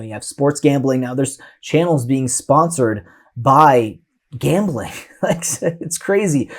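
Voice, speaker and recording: A man's voice: medium pitch, a little mellow. Conversational male commentary host. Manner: conversational, emphatic, with fillers and restarts. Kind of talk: reaction commentary.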